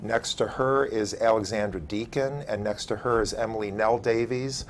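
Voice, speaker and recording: A man's voice: fairly low pitch, steady tone, moderate pace, slight background noise. An American man hosting an interview in a conversational but formal way, as a university provost would.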